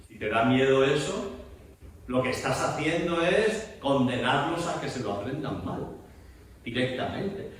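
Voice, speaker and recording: A man's voice: a little high, a little hiss or hum. A man giving a masterclass on speaking text, explaining with rhetorical questions and reciting verse aloud. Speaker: theatre director and voice teacher. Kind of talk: masterclass lecture. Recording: echoey hall, voice from far off.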